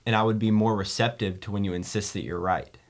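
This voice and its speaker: A young man guest speaking in a measured, polite and thoughtful way. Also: fairly low pitch, steady tone. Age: young adult. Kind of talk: casual conversation.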